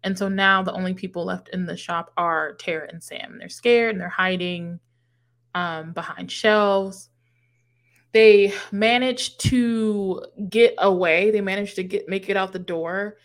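A woman's voice: mid-range voice, measured pace. Chatty woman recapping a movie. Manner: animated storytelling, acts out characters' lines, swears casually. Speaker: podcast co-host. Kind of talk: casual movie recap chat.

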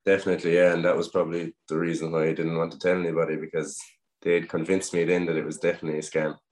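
Fast, flat-voiced Irish young man. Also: low voice. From Ireland. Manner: relaxed, anecdotal, frequent "um" pauses. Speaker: guest footballer. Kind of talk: casual interview storytelling.

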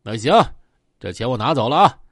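A man's voice: mid-range voice, animated, fairly quick, dry recording, clean studio sound. A man with a Northeastern Mandarin accent voicing a domineering young gang boss who talks bluntly and threateningly. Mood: menacing.

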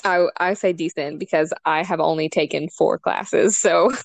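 A woman's voice: fairly low pitch, fairly even intonation, normal speed, vocal fry, dry recording. A young adult woman co-hosting a podcast, chatting casually and laughing easily. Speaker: podcast co-host. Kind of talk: casual chat.

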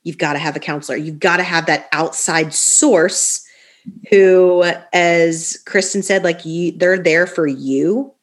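Young woman, earnest podcast guest, low-ish voice, repeats herself for emphasis. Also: unhurried. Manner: earnest, repeats phrases for emphasis, many "like" fillers. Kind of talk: casual podcast talk about faith and healing.

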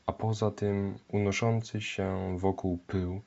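A man giving a measured, solemn scripted historical narration. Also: low-pitched, flat delivery, gravelly, darkish tone. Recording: dull lo-fi recording.

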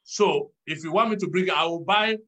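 Emphatic pastor, raised voice. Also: male voice, sits high, a bit bright, low-quality recording. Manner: measured teaching, stresses key words, builds to emphatic points. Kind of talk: church talk show discussion.

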